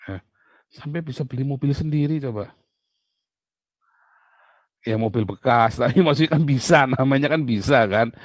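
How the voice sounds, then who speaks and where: Guy preaching, lively storytelling sermon, dry close mic. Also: medium pitch, moderate pace, long pauses, no room sound. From Indonesia. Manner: animated, storytelling with asides and laughs.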